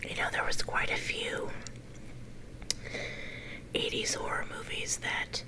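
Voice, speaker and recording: A middle-aged woman leaning in to whisper a casual, unhurried ASMR chat, her whisper a little growly at times. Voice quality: whisper that turns slightly growly. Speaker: ASMR video creator.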